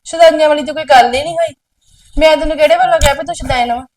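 A woman's voice: sits high, racing, darkish tone, natural voice. A woman playing an exasperated elder sister, scolding her younger sibling in a village drama. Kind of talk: village short film acting.

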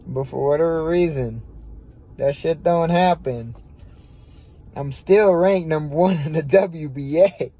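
A young American boxer chats brashly on a social media livestream from a dim room at night, his phone held close. His voice is on the high side with a dark tone, and he repeats himself and swears freely.

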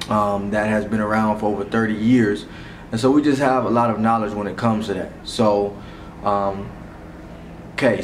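A man's voice: medium pitch, darkish tone, far from the mic, slight background noise. Young man explaining, roomy echo. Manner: conversational, repeats words and restarts, many fillers. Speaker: meal prep business owner. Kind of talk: casual explainer to camera. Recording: roomy echo, voice a bit off-mic.

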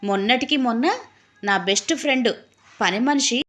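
A woman's voice: fairly high pitch, normal speed, fairly bright tone, close to an everyday voice. A woman voicing a coaxing, innocently teasing wife in an audio story. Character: sweet-talking, teasing young wife.

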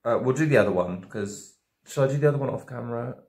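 A drunk man in his twenties talks casually to camera as if giving a tutorial. He rambles, second-guesses himself and loses his thread. The recording is roomy and echoing, with an average-pitched male voice. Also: lively intonation, fast, creaky, a little mellow. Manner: rambling, self-doubting, losing his thread. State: tipsy, drunk on wine. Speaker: makeup video creator. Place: indoor home studio with dark backdrop, roomy. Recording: roomy, echoing indoor sound.

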